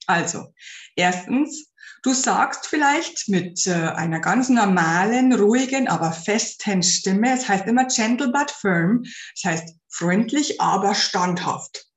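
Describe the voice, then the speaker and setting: A woman hosting an advice podcast as a spiritual life coach, talking earnestly and directly to the listener. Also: medium pitch. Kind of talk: casual spoken advice podcast. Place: room at home with a window. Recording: roomy echo.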